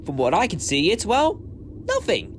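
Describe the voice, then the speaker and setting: Man playing the Doctor, high-voiced and lively. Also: moderate pace, very noisy. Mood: taunting. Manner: theatrical, taunting and speechifying. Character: eccentric, talkative alien time traveller, compassionate hero. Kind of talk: sci-fi audio drama acting.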